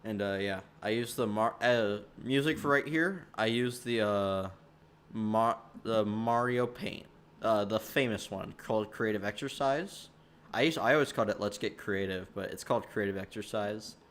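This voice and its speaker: Rambling man with a low voice. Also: normal speed, fairly bright tone. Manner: rambling, stumbles over words, many fillers. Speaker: streamer commenting on his own video. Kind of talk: casual behind-the-scenes commentary.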